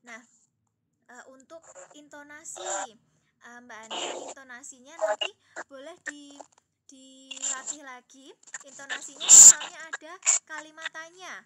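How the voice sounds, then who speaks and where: High-voiced woman teacher giving gentle feedback. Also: fairly even intonation, a little slow, long pauses, heavy background noise. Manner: gentle, praising, many hesitation fillers. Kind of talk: encouraging classroom feedback.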